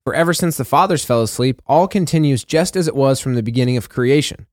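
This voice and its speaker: A man co-hosting a casual Bible discussion, reading scripture passages aloud and talking them over in a relaxed way with small fillers and self-corrections. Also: mid-range voice, fast talker, dry recording, clean studio sound.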